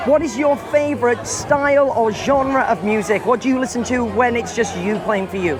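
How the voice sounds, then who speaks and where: Upbeat, high-pitched male cruise director. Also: normal speed. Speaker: cruise director and vlog host. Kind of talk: vlog interviews. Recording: loud music and crowd behind.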